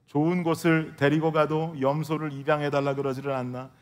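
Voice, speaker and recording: A man's voice: a little high, flat delivery, a little fast. A male pastor preaching a sermon, telling a humorous family story and speaking directly to his congregation. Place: church sanctuary.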